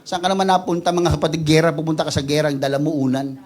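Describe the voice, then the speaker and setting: A pastor with a Filipino accent, preaching to a church congregation. He swings between hushed pleading and loud, shouted exclamations, and jokes playfully with the people. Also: on the high side, flat delivery, very fast, a faint crowd. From Philippines. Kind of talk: energetic preaching sermon.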